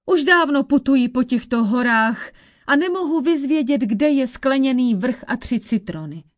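A woman's voice: high-pitched, lively intonation. A woman voicing a young wandering prince in a folk tale, polite and earnest.

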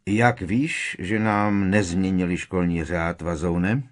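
A man voicing a sharp-tongued, defiant teenage boy who needles with sarcasm. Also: low voice, steady tone, lightly acted. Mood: sarcastic.

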